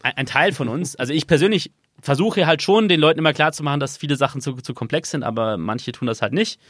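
A man as a podcast guest, explaining complex issues in a rambling, animated way. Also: a little high, fast talker, no echo, studio quality. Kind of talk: casual explanatory conversation.

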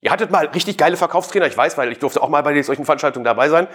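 A man's voice: a little high, rapid-fire, a bit bright. A man giving a live sales talk, questioning the audience and provoking them. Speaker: sales speaker.

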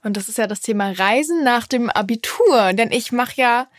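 A teenage girl co-hosting a family podcast in casual chat, cheeky and quick to talk back. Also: on the high side, expressive, no room sound, studio quality. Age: teens. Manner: cheeky, talks back, giggly. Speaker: podcast co-host.

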